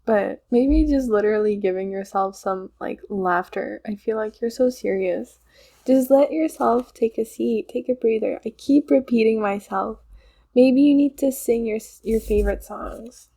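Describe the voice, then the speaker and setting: Mellow-voiced woman giving a chatty tarot reading. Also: fairly high pitch, moderate pace. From Poland. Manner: chatty and rambling, laughs often, repeats herself. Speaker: tarot reader. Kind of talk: casual channeled tarot reading.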